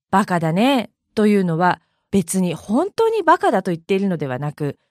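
A woman from Hyogo hosting her own audio blog, giving a scripted explanatory talk in a clear, careful way. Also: mid-range voice, darkish tone, no echo, studio quality. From Hyogo, Japan.

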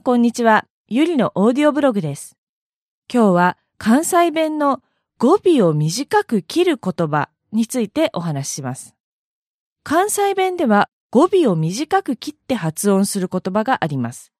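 Kansai-accented woman, audio-blog host, bright melodic read, dry close mic. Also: on the high side, big pitch swings, no room sound. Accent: Kansai Japanese. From Kansai, Japan. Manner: slow, careful enunciation of example words. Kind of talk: scripted lesson narration.

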